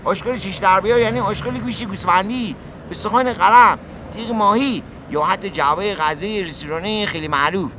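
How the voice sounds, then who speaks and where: A man's voice: sits high, sharp tone, a little hiss or hum. An actor playing a cheeky male junk-peddling taxi passenger who rambles on boastfully in a comic sketch. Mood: rambling. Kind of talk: comic puppet-show acting.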